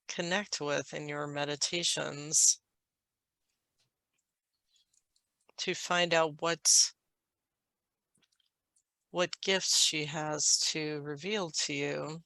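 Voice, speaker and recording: Brief: a woman voicing an otherworldly galactic guide, very slow and deliberate, clear, smooth tone. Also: sits low, sharp tone, dry recording, heavily acted. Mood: gentle. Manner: slow, halting, formal phrasing. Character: galactic being speaking through a channel, calm and unhurried. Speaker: trance channel. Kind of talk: channeled spiritual guidance.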